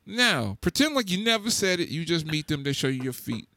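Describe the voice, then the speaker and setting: A young adult man hosting a casual chat, teasing his co-hosts in an animated, slangy, profane way. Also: a little high, a little fast, slight background noise. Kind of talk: casual banter.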